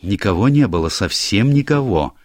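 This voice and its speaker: A man's voice: fairly low pitch, animated, moderate pace, darkish tone, dry recording, clean studio sound, voice pushed up, lightly acted. A man voicing a young, anxious male secretary who stammers and is eager to please, in an audiobook. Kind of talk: audiobook character voice.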